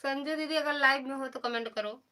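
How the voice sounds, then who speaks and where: A woman's voice: high-pitched, brisk, bright, forceful tone. A woman with an Awadhi accent hosting a casual live stream, chatting with viewers and calling them didi and bhaiya over a phone mic.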